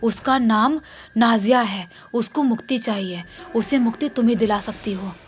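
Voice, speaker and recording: A woman voicing a lovelorn young male jinn who pleads softly and keeps reassuring. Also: on the high side, moderate pace, a little hiss or hum, lightly acted. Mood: pleading. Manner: soothing, insistent reassurance.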